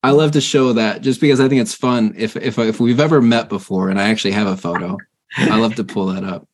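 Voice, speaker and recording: A man's voice: on the low side, steady tone, a little fast. A man hosting a podcast who chats in a friendly, loose way, full of casual fillers as he brings in his guest. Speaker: podcast host. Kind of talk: casual interview.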